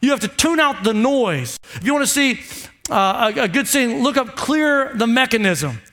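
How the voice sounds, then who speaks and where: A man preaching a motivational sermon in a booming, emphatic way, repeating short phrases and putting rhetorical questions to listeners. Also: lively intonation, normal speed, fairly bright tone.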